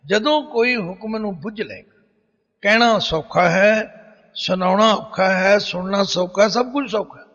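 A man preaching who recites scripture verses slowly and then explains each one. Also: high-pitched, a bit bright. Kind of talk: religious discourse. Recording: dull echoey hall recording.

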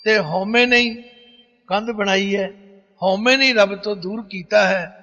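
A man preaching who recites scripture verses slowly and then explains each one. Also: sits high, pushed and bright. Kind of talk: religious discourse. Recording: dull echoey hall recording.

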